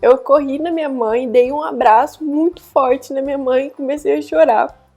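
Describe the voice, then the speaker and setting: A young woman from Brazil telling a personal story to camera as a vlogger, earnest and emotional, with pauses and restarts. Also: sits high, fairly even intonation, a little mellow, soft background music.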